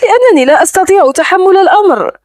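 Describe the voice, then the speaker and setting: A woman reads the part of a proud, guarded young bride who pleads and holds back. Her pitch is high, and the recording is dry and close to the mic. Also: lively intonation, quick pace, darkish tone, no room sound. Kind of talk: audiobook dialogue reading.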